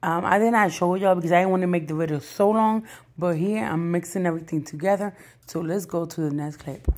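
Her voice is giving out: a hoarse, husky rasp that cracks now and then, pitched lowish and slightly mellow. Talking a little fast, this budget cooking vlogger addresses her viewers like friends and cheers them on as she cooks in her home kitchen.

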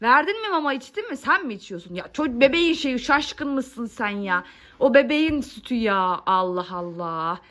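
A woman, a mother, chatting with her small children in a casual family vlog, coaxing and gently scolding them. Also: on the high side, very animated, moderate pace. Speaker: mother filming her kids.

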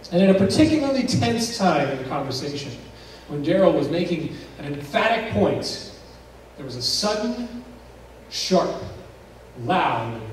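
A male pastor telling a story in a sermon, dramatic and suspenseful, with pauses that build tension. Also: fairly high pitch, very animated, slight background noise. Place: church sanctuary. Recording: very echoey church recorded from a distance.

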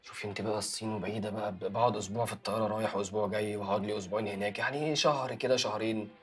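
A man's voice: on the low side, fairly even intonation, a bit bright, natural voice. A man playing a slick, evasive Egyptian boyfriend. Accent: Egyptian Arabic. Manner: smooth, fast excuse-making. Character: evasive young man dodging his girlfriend. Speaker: actor in a TV drama series. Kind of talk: TV drama acting.

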